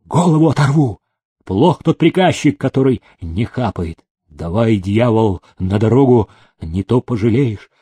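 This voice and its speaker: A man's voice: medium pitch, expressive, measured pace, husky, no room sound. A man voicing a hot-tempered young male heir who threatens and barks orders. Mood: furious. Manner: menacing, shouting threats.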